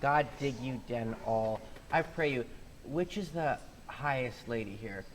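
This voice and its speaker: A man's voice: mid-range voice, unhurried, lightly acted. Man playing a cheeky simple rustic stage clown. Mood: cheeky, eager. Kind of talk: comic Shakespearean stage acting.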